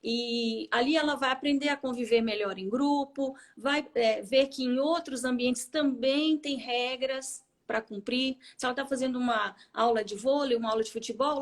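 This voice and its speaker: Chatty Brazilian woman explaining parenting tips. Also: high-pitched. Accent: Brazilian Portuguese. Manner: explanatory, with frequent tag questions. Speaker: co-host giving parenting tips. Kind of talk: casual chat to camera.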